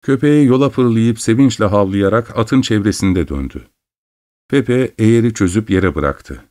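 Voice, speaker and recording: A man narrating a literary story with a measured, unhurried manner. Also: on the low side, a little mellow.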